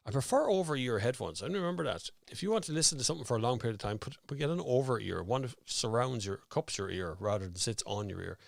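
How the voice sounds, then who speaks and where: This Irish host talks fast and creaky with few pauses and lively intonation, his voice mid-range. Rambling and chatty, he fixes his audio during a casual live stream, with clean, echo-free studio sound from a studio microphone and headphones.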